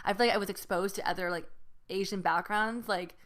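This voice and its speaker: In a casual podcast chat, a young female co-host rambles along, using lots of fillers. She speaks briskly in a mid-range voice that's a bit bright, with fairly even intonation.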